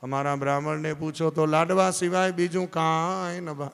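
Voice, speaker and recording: A woman's voice: low-pitched, flat delivery, normal speed, clean tone. A man storyteller voicing an eager, devoted young princess who pleads and calls out, in a long reverberant hall. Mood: pleading.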